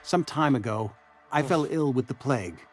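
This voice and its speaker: An actor playing a broke, world-weary barber in a video game, politely formal, apologetic and resigned. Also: male voice, medium pitch, lively intonation, normal speed, soft background music, natural voice. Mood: weary, earnest. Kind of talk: video game character dialogue.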